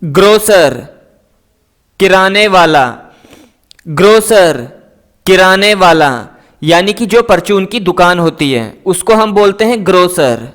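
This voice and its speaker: A man teaching English words, saying each word and its meaning twice in a slow, deliberate drill. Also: high-pitched, fairly bright tone.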